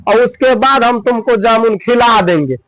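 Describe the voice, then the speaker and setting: A man voicing an even lazier young villager, grumbling back. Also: extremely high pitch, moderate pace, no room sound, rough recording. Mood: lazy grumbling.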